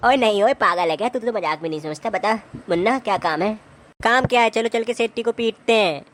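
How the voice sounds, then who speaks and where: A man's voice: high voice, brisk, a bit bright, slight background noise. A man voicing a blustering, boastful older brother who is secretly a coward. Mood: gruff. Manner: gruff, blustering, threatening. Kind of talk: comedy sketch acting.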